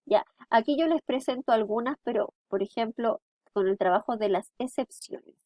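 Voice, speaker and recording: Female teacher, higher voice, dry recording, lecture delivery. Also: normal speed, warm tone, dry recording. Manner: explanatory, frequent tag "¿ya?".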